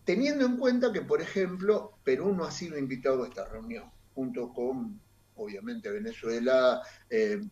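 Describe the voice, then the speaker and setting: A man speaks as a political analyst in a remote interview, with a steady mid-range voice. He is measured but emphatic and leans on frequent fillers as he builds his points. The call audio sounds dull and lo-fi. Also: mid-range voice, slight background noise.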